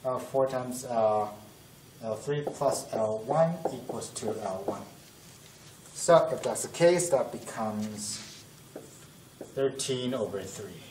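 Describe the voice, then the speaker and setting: A young math tutor thinks aloud at a classroom whiteboard during a casual lesson, correcting himself, his mid-range voice slow, a little mellow and full of pauses. He sounds strained, as if he's losing it. The distant camera mic picks up an echoey room and faint noise.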